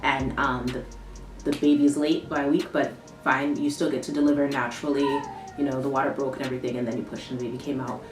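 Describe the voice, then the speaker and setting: Young woman vlogger, low voice, chatty and loose; room echo, a little far from the mic, faint music behind. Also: flat delivery, fast. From born in the US, raised in London. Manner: chatty, lots of "like" fillers. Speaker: vlogger, new mother. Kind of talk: casual chat to camera.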